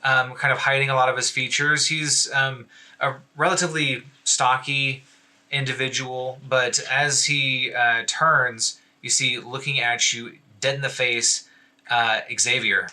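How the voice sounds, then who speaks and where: A man's voice: medium pitch, flat delivery, unhurried, pushed and bright. A man narrating as dungeon master, rambling loosely with many fillers. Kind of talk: narrating a tabletop game.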